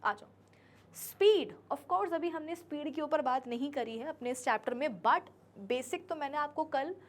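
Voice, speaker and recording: High-voiced chatty woman teaching physics. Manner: chatty, acts out little scenes and student replies; addresses students as beta, checks understanding often. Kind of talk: classroom lecture in Hindi with English terms.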